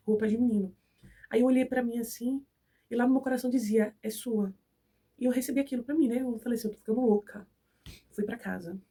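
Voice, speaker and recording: A woman's voice: a little high, dark tone, distant mic. A young Brazilian woman with a cold, chatting to her viewers as she tells a personal story and acts out who said what. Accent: Brazilian Portuguese. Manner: chatty, acts out dialogue in the retelling. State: has a cold. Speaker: vlogger.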